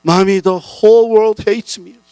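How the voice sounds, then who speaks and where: A man voicing an upset six-year-old child who shouts in a high, strained voice. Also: fairly even intonation, very slow, clear, resonant tone, dry recording. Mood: frightened.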